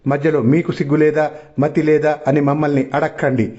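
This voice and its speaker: Man doing a grumpy blunt neighbor guy who argues back, bit high voice, lo-fi sound. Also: flat delivery, normal speed, mellow, lightly acted. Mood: brusque. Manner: brusque and argumentative. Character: blunt, quick-tempered male colony resident.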